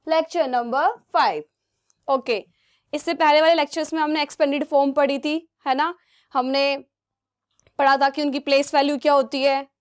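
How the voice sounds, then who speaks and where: Woman math teacher, high voice, coaxing, keeps checking the class understands. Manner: asks many check questions, coaxing and repetitive. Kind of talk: classroom lesson for children.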